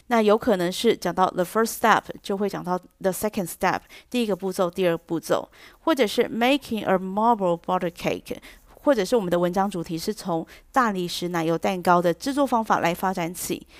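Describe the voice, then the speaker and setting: A middle-aged woman with a Taiwanese Mandarin accent, hosting an English lesson and explaining patiently and clearly. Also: mid-range voice, dry recording. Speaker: English teacher podcast host.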